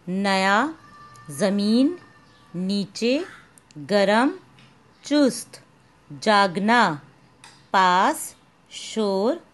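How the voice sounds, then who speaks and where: A woman's voice: fairly high pitch, a bit bright. A woman school teacher giving a patient lesson, spelling out letters one by one and calling her pupils "beta". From Pakistan. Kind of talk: slow, patient classroom instruction.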